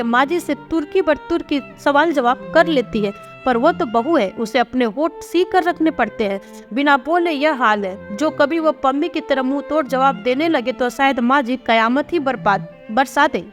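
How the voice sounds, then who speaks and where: A woman narrating a family story in a steady, expressive reading voice. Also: high-pitched.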